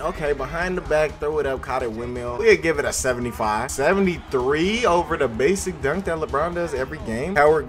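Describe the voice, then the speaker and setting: A young man, giving playful, trash-talking commentary over a basketball video game and breaking into sudden loud outbursts. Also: mid-range voice. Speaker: gaming YouTuber. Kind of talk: excited gameplay commentary. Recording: faint game music behind.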